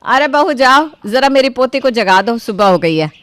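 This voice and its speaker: A woman voices a doting yet stubborn old grandmother from a storybook tale, speaking in a commanding, scolding manner. Her pitch sits fairly high and her delivery is expressive, slightly bright, and moderately paced, captured in a dry recording.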